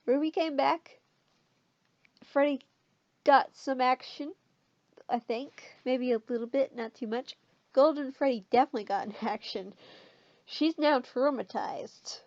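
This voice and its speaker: Chatty woman reading fanfic out loud, high voice, kinda muffled lo-fi audio. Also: no room sound. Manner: chatty, self-questioning, many fillers. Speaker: fanfiction reader. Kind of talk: casual reading aloud with asides. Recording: dull lo-fi sound.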